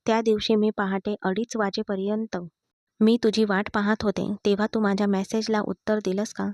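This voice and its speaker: A woman's voice: medium pitch, level tone, moderate pace, a little mellow, no echo, clean studio sound, natural voice. A woman reading the part of a hurt, defiant young wife who answers sharply and taunts her husband. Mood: bitter.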